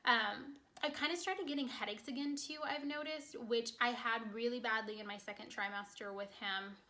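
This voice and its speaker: A woman talks to her viewers in a quick, chatty vlog, her voice a little raised in pitch and notably bright. She sounds congested and slightly out of breath as the words tumble out fast. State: short of breath. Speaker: vlogger. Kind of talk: casual chat to camera.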